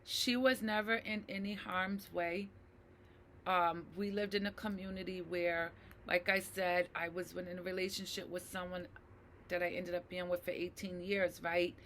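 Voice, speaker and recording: A woman's voice: on the low side, steady tone, normal speed, a bit bright, a little hiss or hum. A middle-aged woman, a mental health advocate, speaking emotionally and personally to her viewers, with many fillers and tag questions. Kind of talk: personal talk to camera.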